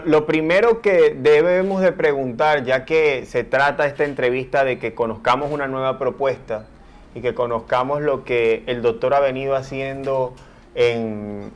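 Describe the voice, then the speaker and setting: A male TV host, asking long, winding interview questions. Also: medium pitch. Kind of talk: television interview.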